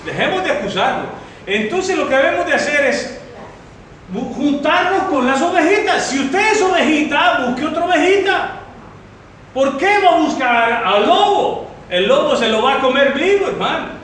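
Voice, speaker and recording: A man with a Central American Spanish accent preaching a sermon in a church, exhorting the congregation and rising to shouts. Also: animated, normal speed, distant mic. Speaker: pastor. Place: church hall. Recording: very echoey hall, mic from afar, faint rumble.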